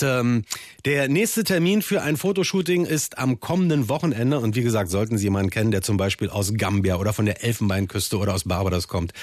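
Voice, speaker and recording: An upbeat male morning radio host speaking into a studio microphone. His voice sits at an ordinary pitch for a man and sounds dry and close, with no room around it. He sounds enthusiastic and chatty with his guest. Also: dry recording. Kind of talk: live radio interview.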